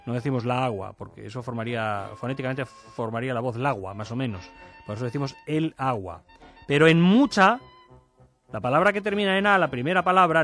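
A man's voice: mid-range voice, fairly bright tone. Man explaining grammar on the radio. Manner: explanatory, thinking aloud, repeats examples. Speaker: language columnist. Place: radio studio. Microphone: studio mic.

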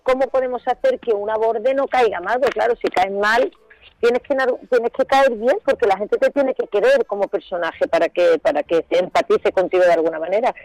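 A middle-aged woman from Seville with an Andalusian accent, an actress chatting as a guest in a lively, colloquial way, laughing often. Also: medium pitch, a little fast, no room sound, low-quality recording. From Seville, Spain. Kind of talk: casual chat.

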